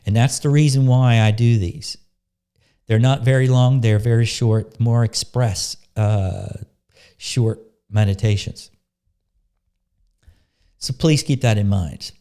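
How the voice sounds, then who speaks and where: A man leading a guided meditation, talking slowly and softly in an unhurried, calm way, pausing and restarting phrases. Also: mid-range voice, clear, resonant tone. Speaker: spiritual teacher leading a meditation. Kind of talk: slow, soft-spoken guided meditation talk.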